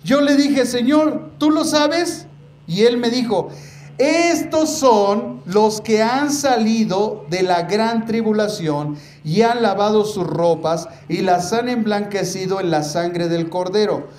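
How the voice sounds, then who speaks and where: A man preaching a sermon as pastor, emphatic, often calling out to his brothers and slowing down to stress key words. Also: sits high, darkish tone. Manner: preaching, repeatedly addressing the congregation as brothers. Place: church. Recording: echoey church room with faint noise.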